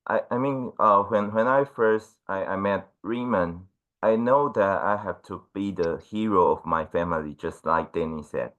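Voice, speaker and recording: A man, a Mandarin speaker, presenting informally and haltingly on an online call. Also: deep voice, fairly bright tone, muffled recording. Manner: hesitant, halting English. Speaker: guest team leader speaker.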